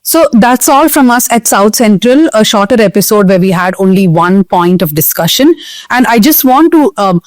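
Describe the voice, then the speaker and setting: A woman's voice: mid-range voice, lively intonation, normal speed, no room sound. South Indian woman hosting, close dry sound. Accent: South Indian English. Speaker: host of a current affairs discussion show. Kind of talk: conversational news discussion and sign-off.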